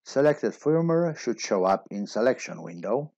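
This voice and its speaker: A man giving a steady step-by-step technical tutorial as a voice-over. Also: mid-range voice, normal speed, gravelly, no room sound, lo-fi sound. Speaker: instructor.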